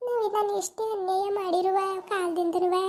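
A woman's voice: very high-pitched, fairly even intonation, moderate pace, a little mellow. A woman voicing a humble, tearful old village aunt in a cartoon, with a pleading, self-reproaching manner. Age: older. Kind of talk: cartoon voice acting.

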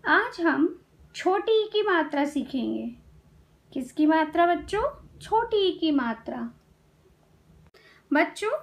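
A young woman teaching children to read, drilling syllables and words with questions she answers herself. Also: sits high. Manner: slow, sing-song drilling with repeated questions and answers.

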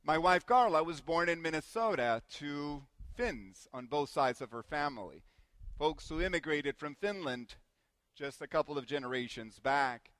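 A man from Guatemala delivers a sermon in a church, weaving family stories into it with light, self-deprecating humor. His voice sits somewhat high for a man. The sound is close and dry, with little room echo. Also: animated, moderate pace. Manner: warm anecdotal storytelling with gentle self-deprecating humor. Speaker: preacher. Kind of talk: sermon with personal storytelling.

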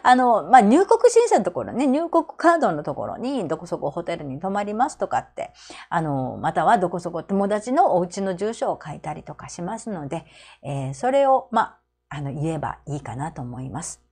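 A woman with a Japanese accent teaching English travel phrases to seniors, modelling each phrase very slowly. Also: fairly low pitch, big pitch swings, a little mellow, husky.

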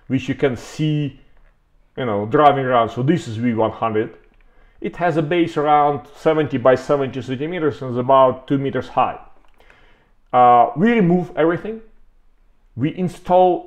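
A man's voice: mid-range voice, a little mellow. A man gives a conversational product talk from a webcam, stopping often to rephrase and repeating words for emphasis. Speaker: company representative presenting products.

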